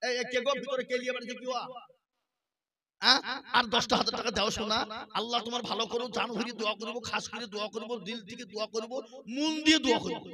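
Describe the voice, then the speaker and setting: Man, preacher, very high voice, piercing tone, pleading, repetitive, joking, sudden loud calls. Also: steady tone, rapid-fire. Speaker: preacher collecting donations. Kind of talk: humorous fundraising sermon. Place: religious gathering on a stage. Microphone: public address microphone.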